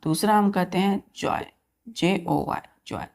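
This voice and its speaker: A woman's voice: fairly low pitch, unhurried, creaky, darkish tone. A woman teaching vocabulary to students, spelling words letter by letter and asking quiz-style questions. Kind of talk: vocabulary lesson for exam students.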